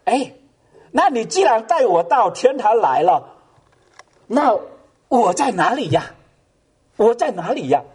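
A man's voice: high voice, sing-song, measured pace, pauses often, a little mellow, breathy edge, pitched above the performer's own voice, heavily acted. A man voicing a worried woman in a retold dream, pleading in a raised, wailing voice. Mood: puzzled. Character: anxious woman believer pleading in heaven.

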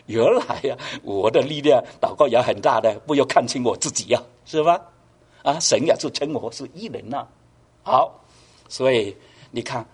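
Animated husky male preacher. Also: medium pitch. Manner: animated preaching, rhetorical questions, voice rising with emphasis. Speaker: pastor. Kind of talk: sermon.

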